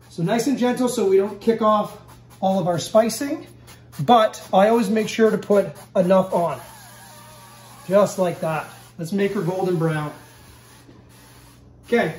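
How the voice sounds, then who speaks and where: A middle-aged man with a fairly high voice talks viewers through a recipe in a relaxed, step-by-step way. He is recorded in an echoey home kitchen. The camera mic sits some distance away from him. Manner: easygoing step-by-step instructions, often checks in with okay. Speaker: home cooking show host. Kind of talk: casual cooking demonstration.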